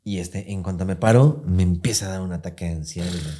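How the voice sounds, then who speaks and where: Young Mexican podcast host, low-pitched and mellow, swears freely while telling a story. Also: male voice, quick pace, husky. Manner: profane, slangy storytelling with many filler words. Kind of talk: casual podcast chat.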